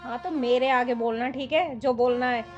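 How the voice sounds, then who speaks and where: Brief: sulky young bride, high voice, resentful and stubborn, played by a woman, dull film sound with faint music. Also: steady tone, normal speed, natural voice. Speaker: young wife in a village drama. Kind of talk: Haryanvi film acting.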